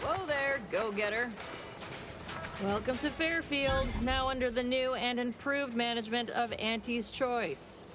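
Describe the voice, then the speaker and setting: Actress as a wry, higher-voiced woman gate trooper. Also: measured pace, natural voice. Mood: brisk, wry. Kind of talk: scripted video game dialogue. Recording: music behind the voice.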